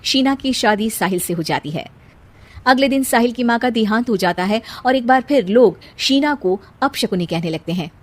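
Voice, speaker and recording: Lady narrating a cartoon story, bit high pitched, dramatic n even. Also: moderate pace.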